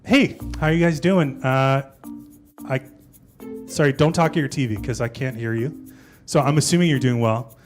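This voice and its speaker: A man's voice: medium pitch, normal speed, pauses often, music in the background. A man in his forties, a stand-up comedian, chatting casually about his life and telling jokes, often tagging his lines with "right?". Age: 40s. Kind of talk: casual interview and stand-up set.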